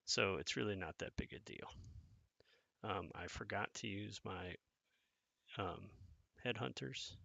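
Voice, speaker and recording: A man talks his way through a strategy game attack in loose live commentary, thinking aloud and answering his viewers as he plays. His voice is low, gravelly and forceful. The sound is close and dry, with no room echo. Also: measured pace, pauses often. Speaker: gaming content creator.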